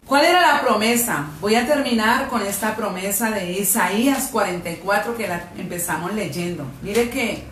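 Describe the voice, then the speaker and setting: A Colombian woman preaches a fervent sermon to her congregation, her medium-pitched voice captured from a distance in an echoey church hall with slight background noise. She speaks emphatically, her voice climbing to loud, impassioned peaks.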